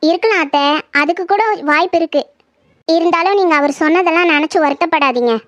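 A woman voicing a young daughter-in-law who patiently calms her grieving elders in a dramatized horror story. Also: very high voice, quick pace, no echo. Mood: soothing. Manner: soothing, reassuring.

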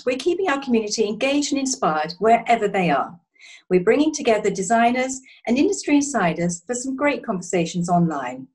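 A woman's voice: fairly high pitch, a little mellow. Upbeat woman hosting a video webinar. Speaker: host introducing a webinar. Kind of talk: scripted introduction. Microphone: video call. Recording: distant, husky video call audio.

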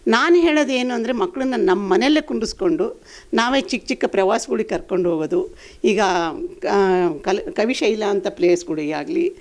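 Older woman speaking off the cuff, blunt opinions, ordinary mid-range voice. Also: mid-range voice. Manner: frank, opinionated, plain-spoken. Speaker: guest speaker. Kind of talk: impromptu talk.

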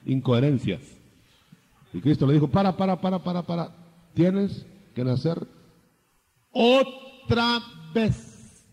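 An older man preaching a sermon, lively, acting out biblical dialogue in changing voices. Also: on the high side, takes it slowly, gravelly, long pauses, long reverb tail.

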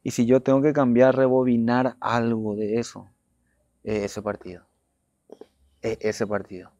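A man speaks as a guest on a talk show, earnest and given to repeating himself. His voice sits at an average pitch and often sinks low and quiet. The sound is dry and somewhat muffled, with little room around it. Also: level tone, unhurried, no echo. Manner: earnest, repeats phrases, drops to a soft low voice. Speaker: guest, former footballer. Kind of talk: interview storytelling. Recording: dull dry studio sound.

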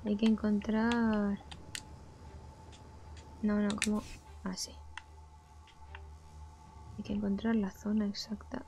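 A woman's voice: mid-range voice, level tone, slow pace, long pauses. A young adult woman giving casual commentary as she plays a video game. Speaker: game streamer. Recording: noisy, game sound behind.

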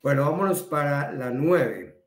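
A man's voice: fairly high pitch, lively intonation, measured pace. A man with a Colombian accent giving a training talk in a conversational way, repeating words for emphasis. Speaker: instructor. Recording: roomy echo.

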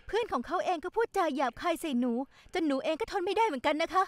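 A woman's voice: very high voice, expressive, fast, no room sound, clean studio sound. A woman voicing an earnest, kind young heroine in a dubbed TV drama, polite and pleading. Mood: defensive.

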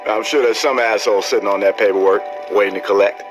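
Man acting a relaxed game survivor, dry, casual, fairly low pitch, music behind. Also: quick pace, natural voice. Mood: dry, friendly. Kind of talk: naturalistic video game acting. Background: background music.

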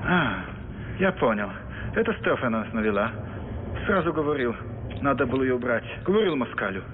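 Actor as bitter Polish resistance man, animated voice. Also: medium pitch, normal speed, a little hiss or hum, lightly acted. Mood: accusing, angry. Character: bitter, defiant Polish resistance man who hates occupiers. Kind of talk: film acting. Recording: phone-like film audio with music.

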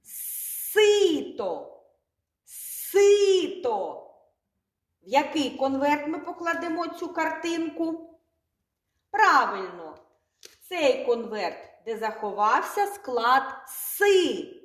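A woman teaching a slow, sing-song speech lesson to small children, repeating each word clearly. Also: high voice, animated, a bit bright. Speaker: kindergarten teacher. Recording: echoey room.

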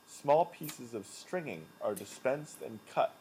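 Man reading a calm product voice-over. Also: mid-range voice, takes it slowly, a little hiss or hum, low-quality recording. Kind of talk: scripted voice-over narration.

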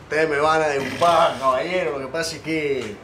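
A man's voice: on the high side, steady tone, brisk, echoey room, noisy background, close to an everyday voice. A man doing a drawling Cuban man. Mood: wry. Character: sly, drawling male Cuban immigrant.

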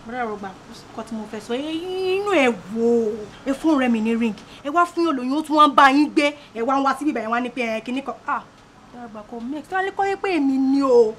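An actress with a Nigerian accent playing a sly young woman who gossips in a hushed voice. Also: high-pitched, animated, very fast, a little hiss or hum. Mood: gossipy.

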